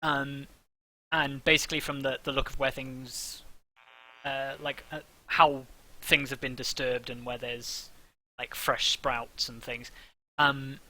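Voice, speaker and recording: A man's voice: mid-range voice, little pitch movement, slow pace, bright, forceful tone, poor audio. A man running a tabletop game as game master, narrating with many fillers and restarts.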